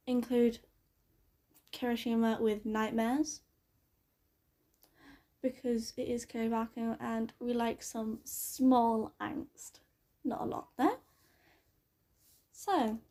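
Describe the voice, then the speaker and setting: Woman, fan fiction reader, casual read-aloud, fillers, fairly high voice. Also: mellow.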